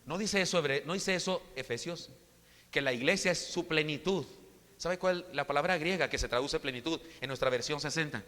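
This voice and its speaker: A man preaching a sermon, emphatic, moving between loud stresses and soft storytelling. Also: on the high side, moderate pace. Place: church sanctuary. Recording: long church reverb.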